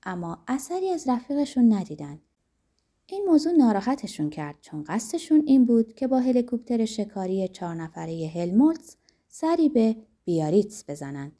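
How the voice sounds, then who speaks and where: A woman narrating a novel as an audiobook, reading in a dramatic, expressive way. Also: on the high side.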